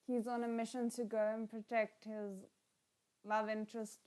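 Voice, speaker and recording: Hosting a live watchalong, a woman reacts casually and chats with viewers, speaking in a halting, unhurried manner and often trailing off mid-thought. Her voice sits on the high side, level in tone and a little mellow.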